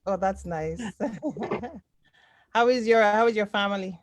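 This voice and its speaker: Hosting an online sewing group from indoors on a group video call, a Toronto woman chats casually in livestream style, often repeating short affirmations. Her voice sits at a medium pitch and moves slowly, with no room sound.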